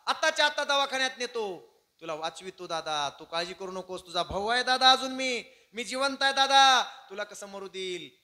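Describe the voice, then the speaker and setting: A man's voice: high-pitched, brisk, bright, forceful tone. A kirtan preacher acting out a devoted younger brother who cries out urgently to save his older brother. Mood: frantic.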